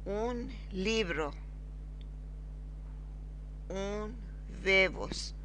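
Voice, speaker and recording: A woman with as her teaching a beginners' lesson, halting and repeating words slowly. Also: mid-range voice, fairly bright tone, a little hiss or hum. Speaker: language teacher. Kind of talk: slow screen-recorded lesson.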